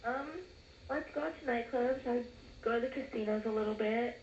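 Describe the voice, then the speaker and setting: A woman in her twenties working a phone chat line who gives brief, flat, matter-of-fact answers. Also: fairly high pitch, normal speed, reverberant, muffled recording, noisy background. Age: 20s.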